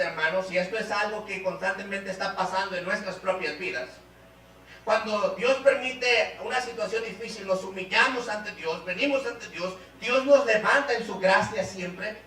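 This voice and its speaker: A male guest pastor with a Mexican Spanish accent delivers a sermon, his high and bright voice surging loud and then sinking low and quiet. He sounds set back from the microphone in a very echoey church hall, with a faint hum underneath. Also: distant mic. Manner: preaching with big swings in pitch and loudness, dropping low and soft in prayer.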